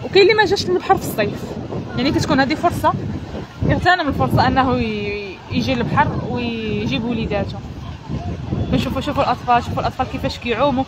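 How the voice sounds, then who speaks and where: An energetic, chatty woman with a Moroccan Arabic accent gives unscripted live commentary as a field reporter, often repeating herself. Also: on the high side. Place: outdoors at a seaside beach. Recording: noisy outdoor beach with crowd sounds.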